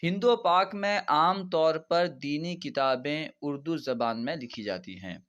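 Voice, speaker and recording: Man, language teacher, slow spelled-out reading drill, patient and repetitive, slightly high voice. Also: a bit bright, lo-fi sound. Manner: patient, repeats and spells out each syllable. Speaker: Urdu teacher.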